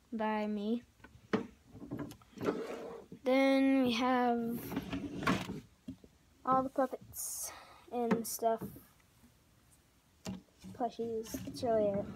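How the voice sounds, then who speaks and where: A young woman hosts her own casual homemade vlog from off camera, her face never shown. Her voice is a little high, and there's heavy background noise. She rambles and giggles, filling her speech with lots of likes and ums.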